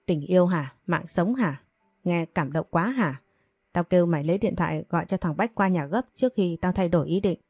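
A woman voicing a furious middle-aged father who shouts and scolds his daughter in an audio story. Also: fairly low pitch, fairly quick, husky, no echo, studio quality, soft background music. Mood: furious scolding.

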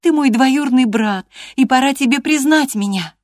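A proud, stubborn young woman, as a female audiobook reader puts her on presses her point in a high, insistent voice. The recording is dry and close, with no room sound. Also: moderate pace, darkish tone, dry recording, lightly acted. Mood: indignant.

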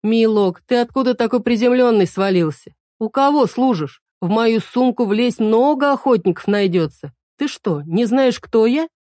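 A woman voicing a quarrelsome, sharp-tongued witch and healer who scolds and teases. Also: fairly high pitch, animated, moderate pace, hardly any pauses, no echo, studio quality, pitched above the performer's own voice, natural voice. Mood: mocking. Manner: scolding, teasing, mocking.

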